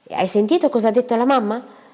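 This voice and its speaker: A woman's voice: fairly high pitch, fast talker, mellow, voice pushed up, close to an everyday voice. Proud reserved young woman, read by a woman, composed and dignified, long reverb. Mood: guarded.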